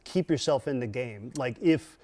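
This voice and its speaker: A man's voice: mid-range voice, expressive, normal speed, darkish tone. A man hosting a local TV morning segment, upbeat and conversational. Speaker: TV news host. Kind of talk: TV interview.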